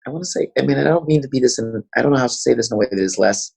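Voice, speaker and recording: Gravelly fast-talking New York man. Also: medium pitch, rough recording. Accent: New York City. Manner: fast-talking, animated storyteller. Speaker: school founder and principal. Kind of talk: podcast interview storytelling.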